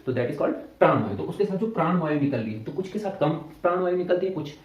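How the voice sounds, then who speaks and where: Speaking fast and expressively at a fairly high pitch, a male teacher explains grammar in steps for exam preparation, peppering in "ठीक है" and questions to his students. The audio has its highs cut off, with an echoey room and a faraway mic.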